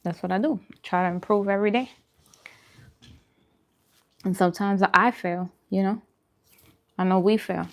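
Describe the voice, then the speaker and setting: A woman hosting a vegan food vlog talks to the camera during a casual mukbang, sounding thoughtful, conversational, and encouraging. Her medium-pitched voice stays steady at a normal speed, and she pauses often.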